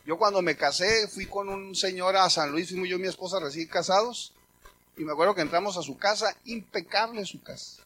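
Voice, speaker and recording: A man's voice: high-pitched, fairly quick. A middle-aged man with a Mexican Spanish accent giving a sermon testimony, telling stories and quoting conversations in a chatty way. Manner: conversational storytelling, animated quoting. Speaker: preacher.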